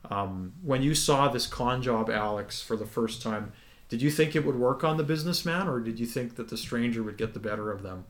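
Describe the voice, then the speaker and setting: A man's voice: medium pitch, brisk. Easygoing man recapping a TV episode. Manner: relaxed, many ums, explains at length. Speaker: podcast co-host. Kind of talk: casual recap discussion.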